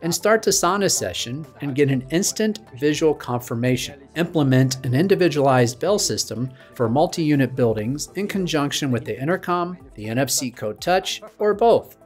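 Male presenter, 30s, polished keynote delivery, mid-pitched voice, light music under. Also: lively intonation, moderate pace, hardly any pauses. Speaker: product presenter. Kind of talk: scripted product keynote. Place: studio stage with dark backdrop.

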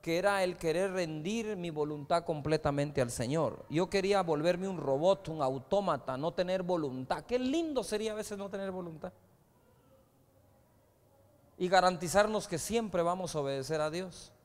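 High-voiced preacher in a reverberant hall. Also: male voice, normal speed. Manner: storytelling preacher, conversational with rhetorical asides. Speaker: pastor. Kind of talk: sermon. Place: large church hall. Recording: live church hall reverb.

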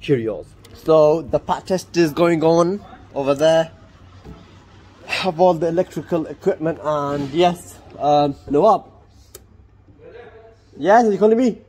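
His voice sits on the high side, a little mellow, moving slowly with long pauses. The young man, a warehouse supervisor in his twenties, rambles and talks to himself for a casual work vlog, swearing softly as he works through the warehouse and outdoor yard. Traffic noise fills the phone audio, recorded handheld at arm's length.

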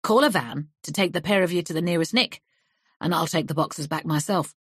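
A woman's voice: sits low, a little fast, breathy edge, no echo, clean studio sound. A woman voicing a brusque, dismissive male police inspector in an audiobook. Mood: curt. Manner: curt, dismissive.

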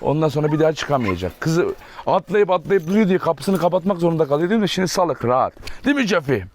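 A man's voice: fairly high pitch, very animated, fast, a little mellow. Chatty man vlogging from his farm. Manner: chatty, talks to his dogs in a doting baby voice. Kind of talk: casual vlog talk to viewers. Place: outdoors on a farm. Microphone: camera mic, filming alone without a tripod.

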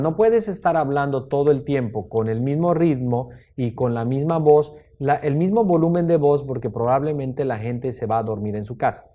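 A man giving a live seminar talk on stage, animated, often checking in with his listeners through quick tag questions and deliberately raising and dropping his voice. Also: mid-range voice. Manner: deliberately raises and drops his voice. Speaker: seminar lecturer. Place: stage before a live audience.

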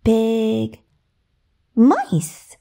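A woman's voice: on the high side, very animated, drawn-out words, creaky, warm tone, heavily acted. A woman voicing a kindly, cheerful little old fairy godmother in a bedtime story with a sing-song manner.

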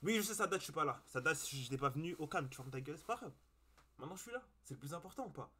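A man's voice: a little high, expressive, very fast, pushed and bright, breathy edge. A young man hosting a reaction video, chatting casually to his viewers in slang and swearing freely into a cheap webcam mic.

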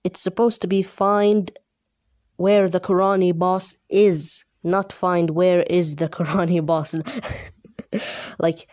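A woman giving casual, amused commentary as she reads her old childhood book aloud, often laughing at herself and pausing on fillers. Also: on the low side, level tone, darkish tone, dry recording, clean studio sound. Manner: amused, self-mocking, frequent laughter; hesitant, many fillers. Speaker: book reviewer.

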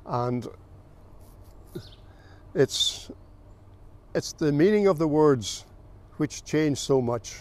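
An older man from the south of Ireland, a farmer recalling his family's history in a plain, unhurried way with small pauses. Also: a little high, lively intonation, a little mellow, clear, resonant tone. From south of Ireland, County Meath. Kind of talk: oral history recollection.

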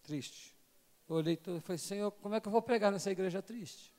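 A man preaching a sermon, telling a story that builds from hushed tones to shouting. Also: high-pitched, quick pace. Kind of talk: sermon testimony. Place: large church hall. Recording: long church hall reverb.

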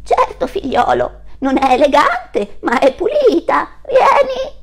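A woman's voice: high voice, big pitch swings, slow pace, pitched above the performer's own voice, exaggerated voice. A woman voicing a kind, plump widowed mother goat in a storybook, speaking in a motherly way. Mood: welcoming.

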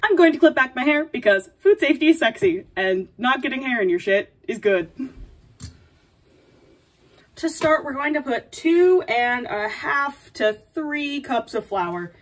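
Woman playing Princess Peach, lively and high, distant mic. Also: measured pace. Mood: playful, sassy. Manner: playful, dry asides, mock-dainty. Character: playful princess hosting a baking show, sassy and prim. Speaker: baking video host. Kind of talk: comedic in-character cooking tutorial. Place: small home apartment kitchen, indoors. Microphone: camera a few feet away. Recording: distant kitchen camera microphone.

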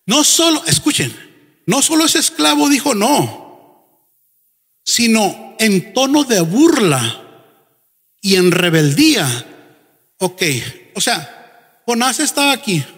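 A man preaching a fervent sermon as pastor, firing rhetorical questions and shouting at the peaks. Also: extremely high pitch, very animated, slow pace, pauses often, long reverb tail.

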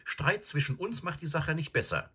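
Older girl, storybook, sensible, pleading, high, voiced by a male reader. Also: expressive, moderate pace, pushed and bright, slightly rough, heavily acted.

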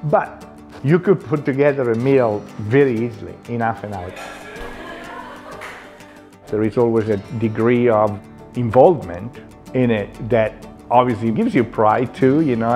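A man in his forties, a culinary instructor, talking earnestly in a seated documentary interview and pausing often on "uh". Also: medium pitch, a little mellow, faint music behind. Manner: earnest, with frequent "uh" fillers. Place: indoor lounge, seated.

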